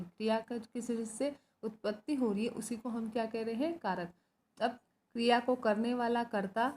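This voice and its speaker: A woman's voice: on the high side, darkish tone. A woman teacher giving a recorded school lesson, explaining step by step, asking her own questions and answering them, and often checking in with "right?". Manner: often adds "है ना" to check understanding.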